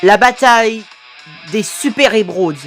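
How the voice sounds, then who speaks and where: A woman talking as an excited anime fan in a casual, sweary reaction commentary, gushing with slangy exclamations. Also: on the high side, measured pace, faint music behind. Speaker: reaction video host.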